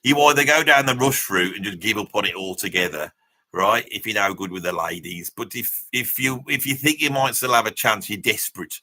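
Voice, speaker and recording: Here a man impersonates a sharp-voiced older Brummie in his seventies, a self-styled ladies' man hosting a livestream who chats, comments and replies to viewers. Opinionated and brash, he rants in a blunt, matey way, dropping mild swears and tag questions. His voice is on the low side and fairly quick, and the recording is rough.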